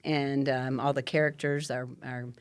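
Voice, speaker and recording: A woman's voice: a bass voice, flat delivery, unhurried, clear, resonant tone. An older woman, the host's mother, telling stories in a casual podcast chat and laughing often. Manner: chatty storyteller, laughs often, many fillers.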